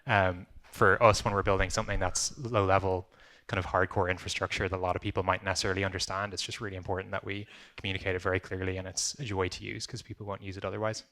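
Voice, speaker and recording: A young Irish man, a company founder, speaking on a panel in a relaxed way with many fillers. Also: sits low, fast talker. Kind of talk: panel discussion.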